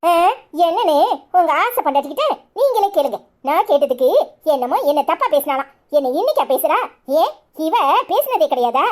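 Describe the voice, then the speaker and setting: A quarrelsome young village wife, played by a woman, in a cartoon, scolding and sarcastic with a Kanyakumari Tamil accent. Her voice sits high and leaps up and down as she nags. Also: big pitch swings, normal speed, a little mellow. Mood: angry. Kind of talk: cartoon voice acting.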